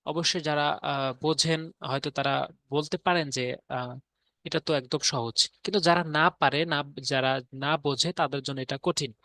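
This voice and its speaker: A man leads a step-by-step lesson, drilling sounds patiently and repeating each example. His voice is bright and fairly high for a man. The recording is close and dry, with no room sound. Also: steady tone, normal speed, dry recording. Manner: patient, repetitive drilling with frequent fillers. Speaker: Quran reading teacher. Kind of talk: spoken tutorial lesson.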